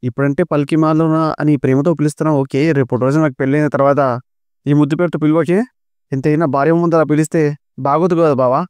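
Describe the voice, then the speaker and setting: A man's voice: a little high, fairly even intonation, fast, a little mellow, clear, resonant tone, no room sound, natural voice. A man voicing a cheeky young brother-in-law who teases and jokes sarcastically. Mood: teasing. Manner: teasing, sarcastic.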